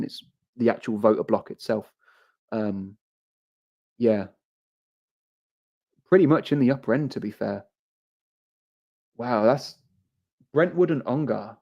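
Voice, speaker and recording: Guy on a livestream, chatty and rambly, keeps repeating himself, mid pitch. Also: gravelly, a little mellow. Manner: rambling, repeats phrases, frequent restarts. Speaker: livestream host. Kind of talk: casual live-stream commentary reading chat.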